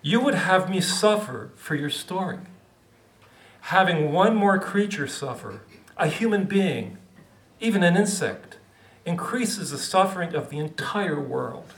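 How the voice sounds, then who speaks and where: A man's voice: high voice, expressive, measured pace, a bit bright, roomy sound, pitched above the performer's own voice, full character voice. A man voicing a tiny carefree male insect who talks in a breezy, slangy, defiant way. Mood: pleading.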